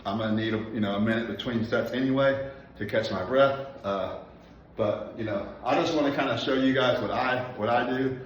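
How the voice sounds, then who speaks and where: A man's voice: mid-range voice, fairly quick, slight background noise. A man in his forties talking casually between workout sets, out of breath and enunciating carefully with many fillers. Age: 40s. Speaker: personal trainer. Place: gym, indoors. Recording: echoey, distant, dull gym recording.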